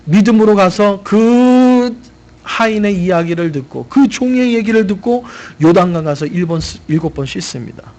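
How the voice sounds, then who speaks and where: Animated pastor with a high voice. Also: male voice, normal speed. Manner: animated storytelling, often addresses the congregation. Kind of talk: sermon. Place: church sanctuary.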